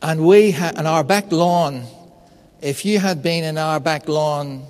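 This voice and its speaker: Slow, high-voiced male preacher. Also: darkish tone, in a large hall. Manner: unhurried, conversational, personal. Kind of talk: sermon with storytelling.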